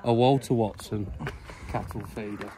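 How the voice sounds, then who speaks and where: A man's voice: on the low side, steady tone, normal speed, mellow, slight background noise. A man in his thirties, a salesman, explaining a cattle feeder in a plain, helpful way in an outdoor machinery yard. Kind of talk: product demonstration.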